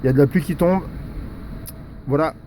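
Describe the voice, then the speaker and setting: Brisk and warm in tone, a fairly high-pitched man gives informal outdoor commentary as a radio operator in a storm. He's an amateur radio operator and civil security volunteer, hesitant and chatty, often repeating himself. Faint wind noise sounds in the background.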